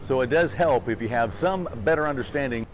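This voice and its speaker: A man giving deliberate, explanatory interview answers as an airshow announcer and pilot. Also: mid-range voice.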